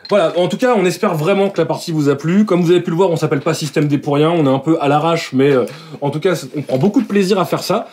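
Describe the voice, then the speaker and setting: A man's voice: on the high side, fast, a little mellow. A young man narrating as game master of a tabletop role-playing game, hesitant with many fillers.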